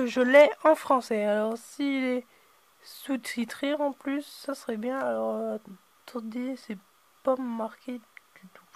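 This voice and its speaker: A man hosting a casual unboxing video, hesitant and filling his pauses with "euh" and "voilà". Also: very high voice, no echo.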